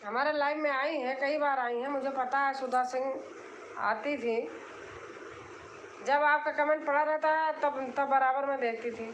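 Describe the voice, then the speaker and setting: A woman's voice: high-pitched, steady tone, a little slow, a bit bright, echoey room, muffled recording, slight background noise. A woman from Allahabad, hosting a casual live stream and answering comments in an insistent, repetitive way, explaining herself. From Allahabad, India.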